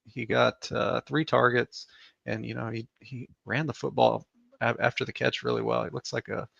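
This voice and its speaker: A man with a heavily gravelly, creaky voice talks through sports picks in a flat, even delivery. He hesitates often and leans on fillers. The sound is dry and slightly dull. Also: mid-range voice, normal speed, dry recording. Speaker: DFS analyst co-host. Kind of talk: casual podcast chat.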